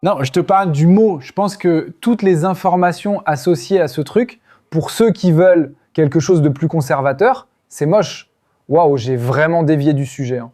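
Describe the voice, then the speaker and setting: A man joking around in a casual podcast chat, talking in an animated way. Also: fairly high pitch, moderate pace. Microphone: studio podcast microphone.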